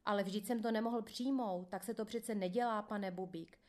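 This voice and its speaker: A woman's voice: mid-range voice, steady tone, darkish tone, close to an everyday voice. Give me a woman playing a defensive male interrogator from an audiobook, placating and flustered.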